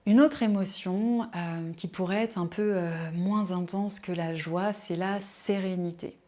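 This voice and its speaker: A woman talks casually about personal growth. She speaks straight to the listener in a fairly low voice, with frequent hesitations along the way. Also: steady tone, measured pace. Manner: warm, addresses listener directly, many fillers. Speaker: personal development coach. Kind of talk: casual spoken podcast talk.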